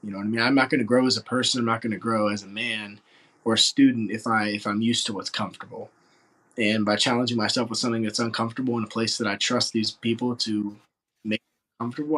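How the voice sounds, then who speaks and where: An earnest man in his late teens from West Virginia, answering an interview with a somewhat low voice. He rambles a little and leans on filler words as he talks. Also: steady tone, quick pace, bright, forceful tone, husky, rough recording. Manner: earnest, rambling, full of "you know" fillers. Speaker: football recruit interviewee.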